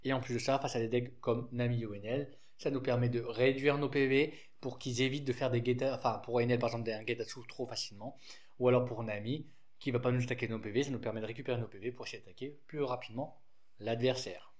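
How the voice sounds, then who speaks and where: A man with a slight lisp talks through a trading card deck at an average pitch. His delivery is loose and conversational, full of fillers and self-corrections as he explains. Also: fairly even intonation, fast talker, a little mellow. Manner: rambling, frequent restarts and fillers, informal. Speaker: card game deck presenter.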